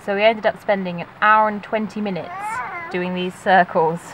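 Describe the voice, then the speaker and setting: A woman's voice: medium pitch, steady tone, moderate pace. A woman vlogging casually outdoors on a sailing boat, chatty and laughing as she talks. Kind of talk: casual vlog narration. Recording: noisy open-air deck recording. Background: wind and water noise.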